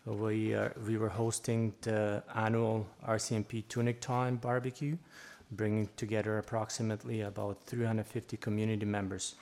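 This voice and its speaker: A male police sergeant giving a formal report at a council meeting, with a halting, hesitant delivery. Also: fairly low pitch, flat delivery, darkish tone.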